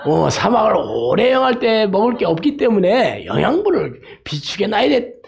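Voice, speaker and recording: Man doing a mother camel, patient and explaining, a touch higher than his own voice. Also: huge pitch swings, normal speed, gravelly, heavily acted.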